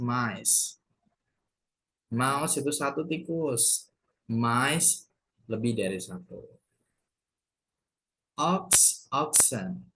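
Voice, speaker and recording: A man teaching an English grammar lesson to a class, explaining slowly and patiently with casual asides. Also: mid-range voice, a bit bright, slight background noise, low-quality recording.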